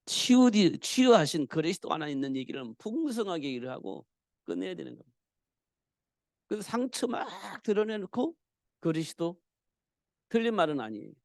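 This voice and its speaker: Gravelly-voiced man preaching conversationally. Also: sits high, big pitch swings, normal speed, pauses often, darkish tone, dry recording, clean studio sound. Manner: conversational preaching with rhetorical questions. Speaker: pastor. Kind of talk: sermon. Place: church.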